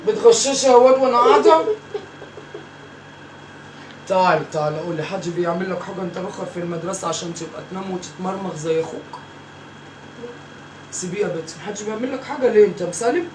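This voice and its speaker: A nagging, teasing old grandmother with an Egyptian accent, played by a performer, scolding the kids in a comic sketch. She talks fast and keeps repeating herself. The voice sounds roomy and distant, with faint noise underneath. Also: medium pitch, close to an everyday voice. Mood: bossy teasing. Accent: Egyptian Arabic.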